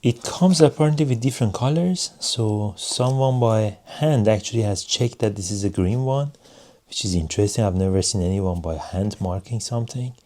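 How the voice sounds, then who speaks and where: An adult man gives a casual, hands-on product review, phrasing things in measured, non-native English. His voice is lowish with a dark tone.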